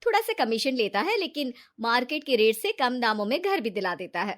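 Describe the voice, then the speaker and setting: A sly young woman schemer, as a woman narrator puts her on, coaxing her friend in a sweet but calculating way. The voice sits high. It is a storybook tale told by a single narrator. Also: very animated, a little fast, a bit bright. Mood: scheming. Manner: coaxing, persuasive, fake tears.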